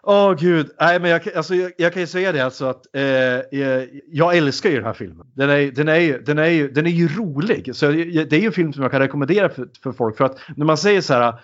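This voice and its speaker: A man's voice: fairly high pitch, hardly any pauses, lo-fi sound. A man in a casual chat, animatedly retelling a film with many fillers.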